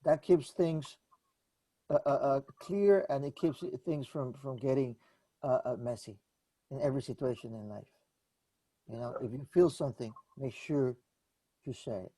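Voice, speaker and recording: A man's voice: medium pitch, moderate pace, long pauses, mellow, no echo, poor audio. A man from Rica, a brass quintet member giving earnest advice and teasing his bandmates, often repeating words for emphasis. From Costa Rica. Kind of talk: casual Q&A advice.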